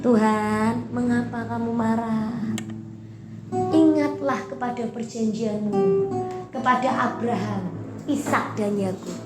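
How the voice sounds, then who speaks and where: Humble guy begging god to calm down, slow and singsong, a lady preacher putting him on, echoey w/ loud guitar. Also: on the high side. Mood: pleading. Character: humble man pleading with an angry God.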